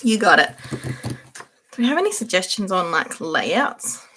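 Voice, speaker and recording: A woman's voice: mid-range voice, sing-song, brisk, pushed and bright, breathy edge. A young woman hosting a casual livestream, chatting and laughing while she answers viewers by name as she works. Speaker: livestream host.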